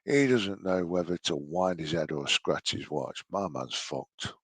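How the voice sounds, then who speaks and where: A man's voice: low-pitched, lively intonation, unhurried, husky, no room sound. An English man in his late forties giving mocking reaction commentary, sarcastic and sweary. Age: late 40s.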